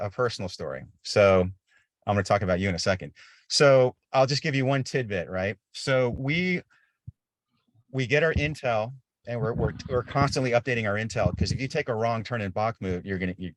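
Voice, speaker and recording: A middle-aged aid volunteer appears as an interview guest on a video call, casually telling war-zone stories. He speaks earnestly in a lowish voice, repeating words as he builds a point. The studio-quality sound has no echo.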